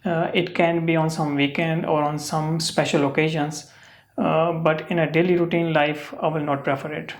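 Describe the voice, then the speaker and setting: A young adult test candidate from Pakistan, a native Urdu speaker, answers exam questions in Pakistani-accented English. The answers come haltingly, filled with uh and um and simple phrasing, delivered flatly at a middling pitch.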